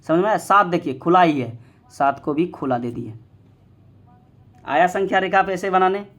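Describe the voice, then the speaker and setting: Playful high-voiced teacher. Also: male voice, animated, normal speed, a bit bright. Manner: playful, teasing, repeats words for drilling. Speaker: math teacher. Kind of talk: online classroom lesson.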